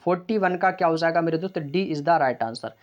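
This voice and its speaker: A man teaching an exam practice lesson, brisk, calling his students brother and asking then answering his own questions. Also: fairly high pitch, dull audio.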